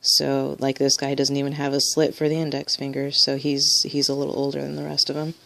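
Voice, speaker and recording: Gravelly-voiced woman showing her collection. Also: very deep voice, monotone, a little fast, a bit bright. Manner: rambling, many ums and restarts. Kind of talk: casual show-and-tell video.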